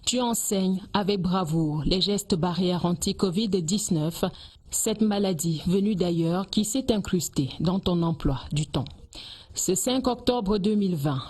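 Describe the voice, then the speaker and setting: Husky-voiced woman, solemn declamation. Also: lowish voice, a little mellow. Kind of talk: solemn tribute narration.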